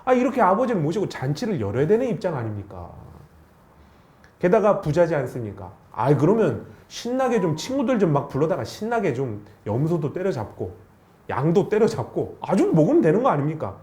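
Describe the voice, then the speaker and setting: Male pastor, lively swinging delivery, dark mellow tone, echoey sanctuary sound. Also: fairly high pitch, fairly quick. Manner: animated preaching with rhetorical questions. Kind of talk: sermon. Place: church sanctuary. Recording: echoey church hall.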